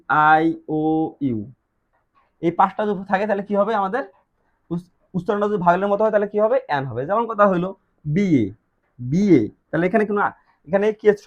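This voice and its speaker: A man with a Bangladeshi accent teaching an English grammar lesson, asking questions and answering them himself. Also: high voice. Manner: asks and answers his own questions. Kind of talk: classroom-style grammar lesson. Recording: dull lo-fi recording.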